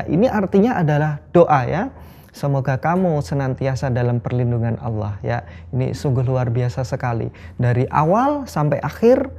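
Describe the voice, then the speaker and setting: A language teacher giving a recorded lesson, patiently repeating each example slowly and tagging phrases with a checking "ya". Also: mid-range voice, dark tone. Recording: dull lo-fi recording.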